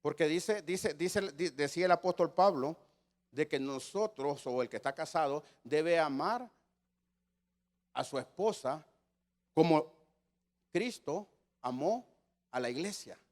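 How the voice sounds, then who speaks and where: A man's voice: a little high, measured pace, long pauses. A man, teaching a church sermon emphatically and repeating words as he searches for his phrasing. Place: church meeting.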